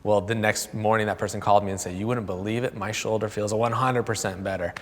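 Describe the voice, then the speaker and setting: A man's voice: lowish voice, fairly even intonation, fast, in a large hall. A man in his forties, a pastor, speaking candidly in a panel discussion and telling stories with self-deprecating humour.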